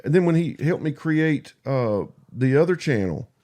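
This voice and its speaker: A man with a country drawl talks candidly and casually, halting and repeating himself, putting himself down and swearing easily. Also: a little high, lively intonation, dark tone. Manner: halting and repetitive, self-deprecating, swears casually. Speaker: podcast guest and YouTube creator.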